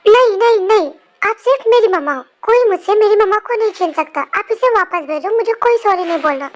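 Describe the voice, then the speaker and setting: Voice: very high voice, expressive, moderate pace. A young performer voicing a jealous, stubborn little boy who whines and sulks in an amateur fan dub. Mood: whiny. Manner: whiny, sulky.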